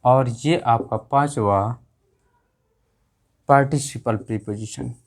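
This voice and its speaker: Teaching a grammar lesson in class, a male English teacher restates every point as a question for his students. He speaks slowly at a medium pitch.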